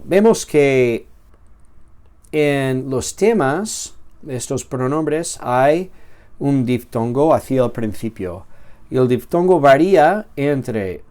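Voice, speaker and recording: A male teacher explains grammar in a slow, patient way, with fillers and restarts. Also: medium pitch, a little mellow, clear, resonant tone. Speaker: Greek teacher. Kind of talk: recorded grammar lesson.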